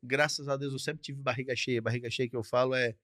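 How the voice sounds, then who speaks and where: A man, a truck driver appearing as a podcast guest, tells a personal story casually and repetitively, often ending phrases with short tag questions. His voice is medium-pitched, steady, and a bit bright, and he talks fast; the recording is dry and clean, made on a podcast studio mic.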